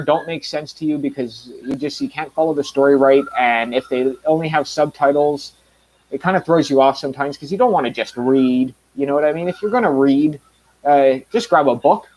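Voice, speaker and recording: A man in his thirties chats casually on a live stream for his own channel, rambling with lots of fillers and restarts. His voice is medium in pitch, and the recording quality is low.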